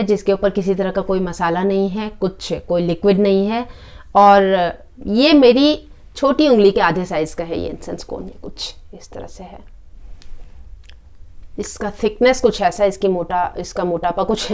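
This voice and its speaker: With a mid-range voice, a woman gives a casual product review and demonstrates it live. Her descriptive talk is calm and unhurried, with occasional fillers.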